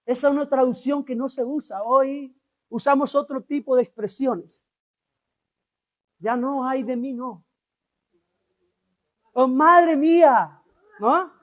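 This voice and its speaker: Male pastor, high voice, slow unhurried delivery, sermon to a congregation, questions to the listeners. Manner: animated preaching that asks the congregation questions.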